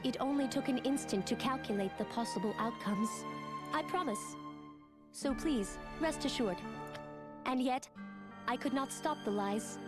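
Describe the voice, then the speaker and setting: A woman's voice: high voice, measured pace. A woman voicing a guilt-ridden young female android in a video game, with a formal, robotic delivery. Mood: remorseful. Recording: game audio with music behind. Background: game background music.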